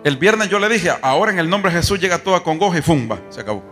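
A man's voice: high-pitched, expressive, quick pace, loud music behind the voice. A man preaching a sermon, telling folksy stories and acting out conversations with rhetorical questions. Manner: folksy storytelling, acts out dialogue, rhetorical questions. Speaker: apostle preaching.

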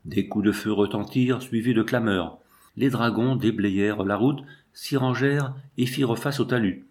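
A man reading a novel aloud in a measured, dramatic narration. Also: on the low side. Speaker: audiobook narrator. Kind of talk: scripted literary narration.

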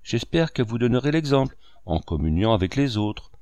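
A man playing a calm, stern village priest. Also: medium pitch, normal speed, no echo, close to an everyday voice. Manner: calm, dry and firm.

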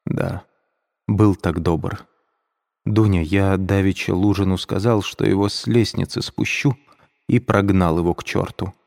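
A man's voice: low-pitched, fairly even intonation, unhurried, vocal fry, a little mellow, long reverb tail. A man reading a feverish young man's lines, curt, weary and irritable.

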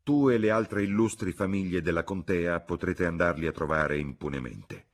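A man's voice: sits low, big pitch swings, moderate pace, breathy edge, pitched above the performer's own voice, heavily acted. A man voicing a boisterous, teasing young man who speaks brashly and sure of himself. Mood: ironic.

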